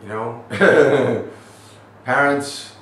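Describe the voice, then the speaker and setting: A man in his forties, a guest in a casual interview, telling stories with lively acted-out quotes and frequent laughter. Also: mid-range voice, very slow, far from the mic. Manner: animated storyteller who acts out quotes loudly and laughs often. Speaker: interview guest, actor and father. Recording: echoey room, voice from off-mic, noisy background.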